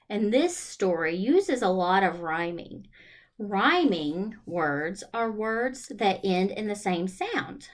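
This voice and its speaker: Her fairly high-pitched voice leads a storytime for young children. She's encouraging and exaggerated in a child-directed way, with questions and pauses throughout.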